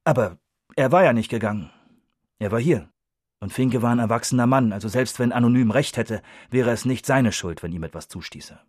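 Male audiobook narrator, measured, dry studio sound. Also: medium pitch, no room sound.

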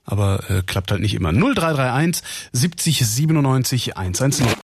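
A man's voice: medium pitch, big pitch swings, normal speed, creaky, very noisy. A man with a Cologne accent hosting a late-night radio call-in show in an easygoing, chatty way, asking follow-up questions. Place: radio studio.

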